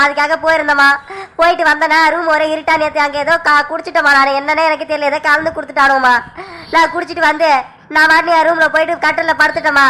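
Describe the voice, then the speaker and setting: A woman's voice: extremely high pitch, bright, forceful tone. A woman voicing an apologetic young man in a cartoon, explaining himself in a sheepish mumble. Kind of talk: cartoon voice acting.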